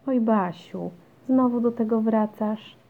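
A woman reading a children's storybook, voicing a tired but patient mother who stays gently firm. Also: a little high, takes it slowly, voice pushed up. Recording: dull lo-fi recording.

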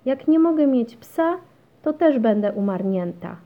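A woman's voice: expressive, unhurried. A woman putting on a whiny, stubborn little girl. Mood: pleading. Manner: high, whiny and insistent. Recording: dull lo-fi recording.

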